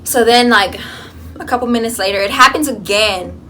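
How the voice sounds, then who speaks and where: A young woman vlogging in a college dorm room, chatting casually and telling an animated story full of fillers. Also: fairly high pitch, moderate pace, a little hiss or hum. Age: young adult. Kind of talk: casual chat.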